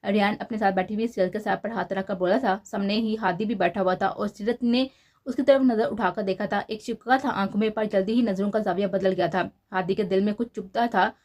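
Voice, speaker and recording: A woman narrating a romance novel aloud in a steady, even storytelling manner. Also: medium pitch, a little fast.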